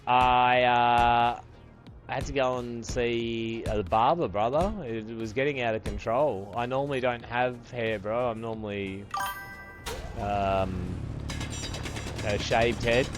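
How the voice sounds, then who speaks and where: A man's voice: medium pitch, fairly even intonation, slow. A man around fifty, chatting casually with viewers while he plays a game, swearing freely and calling them brother. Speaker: streamer. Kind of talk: casual live-stream chat while gaming. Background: faint music.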